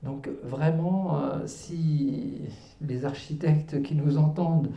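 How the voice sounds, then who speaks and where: A man's voice: a little high, steady tone, slow pace, gravelly, warm tone. Earnest hesitant man in his fifties, roomy hall. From Algeria, raised in Paris. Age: 50s. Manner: hesitant, many fillers and restarts, earnest. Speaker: author and guest. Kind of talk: public book talk interview. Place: cultural centre hall.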